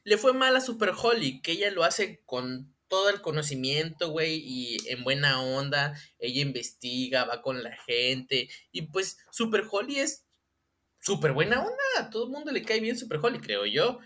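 A man's voice: a little high, normal speed. A man with a Mexican accent co-hosting a casual comedy chat, swearing and laughing often. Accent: Mexican Spanish. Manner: animated, profane, laughing often. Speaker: podcast co-host.

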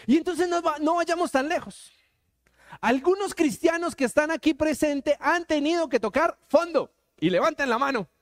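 Guy preaching in church, really high voice, chatty and jokey with the crowd. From Colombia. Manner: colloquial, joking, addresses congregation directly. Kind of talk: sermon.

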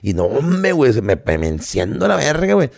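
Mexican-accented co-host, gravelly voice, heated and profane. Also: male voice, medium pitch, huge pitch swings, fairly quick, darkish tone. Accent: Mexican Spanish. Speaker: podcast co-host. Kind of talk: casual chat.

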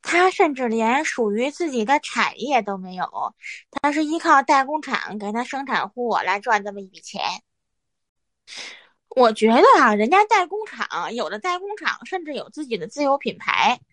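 A woman co-hosting a podcast in casual chat, asking questions and adding her opinions in an animated way. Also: fairly high pitch, normal speed, dry recording. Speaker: podcast co-host.

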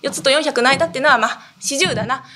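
A woman's voice: sits high, fast, sharp tone, slight background noise. A woman voicing a polite, fussy middle-aged male shop clerk in a rakugo storytelling performance. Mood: exasperated.

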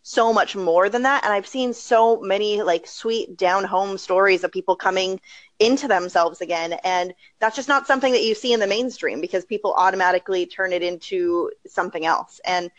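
A woman's voice: medium pitch, moderate pace, no room sound, poor audio. A young woman co-hosting a podcast, rambling passionately with lots of fillers in casual chat. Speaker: podcast co-host.

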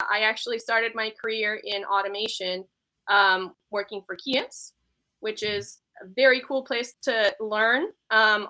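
A woman in her thirties, originally from Iceland, talking as a guest on a podcast. Her voice is very bright and a bit high, and she chats casually and pokes fun at herself. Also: poor audio. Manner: chatty, self-deprecating, laughs easily. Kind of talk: casual interview chat.

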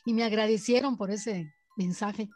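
A woman, a guest casually telling of spirit visits in an animated way, often turning to her listener. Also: medium pitch, moderate pace, soft background music. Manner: animated, keeps asking the listener to imagine. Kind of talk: casual storytelling.

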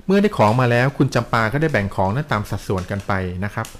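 Man, quick storyteller, polite, dramatic, ghost tale, mid pitch. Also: very animated, slight background noise. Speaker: storyteller host. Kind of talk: telling a ghost story in casual chat.

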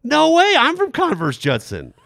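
A man voicing an excited young female college classmate in a high, squealing tone. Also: fast, no room sound, clean studio sound. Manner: squealing, eager questions.

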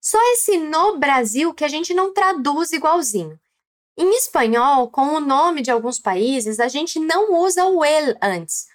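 A woman's voice: high-pitched, animated, unhurried. A woman with a Brazilian Portuguese accent hosting a language lesson podcast, encouraging the listener to repeat after her. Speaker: Spanish teacher and podcast host.

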